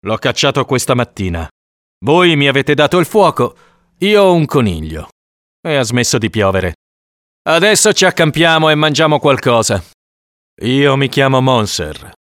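A man's voice: medium pitch, big pitch swings, normal speed, a bit bright, no room sound, studio quality, voice pushed up. A man reading the part of a blunt, exasperated adult hunter in an audiobook. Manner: blunt, practical.

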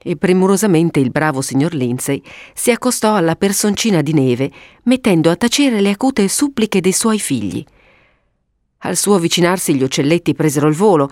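A woman narrating a children's story aloud in an expressive reading voice. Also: fairly low pitch, no echo, studio quality.

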